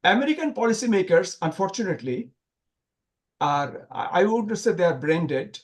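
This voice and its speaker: A man being interviewed, talking in an animated, sarcastic way with many restarts and repeated words. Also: high voice, moderate pace. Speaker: guest commentator.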